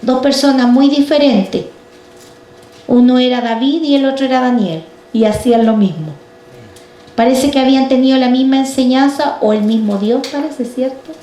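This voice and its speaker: A woman delivers a fervent sermon in a high, ringing voice. She keeps turning to the congregation with questions. Her voice bounces around a roomy church hall. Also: normal speed, dark tone. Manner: fervent, addresses the congregation directly with rhetorical questions. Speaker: preacher.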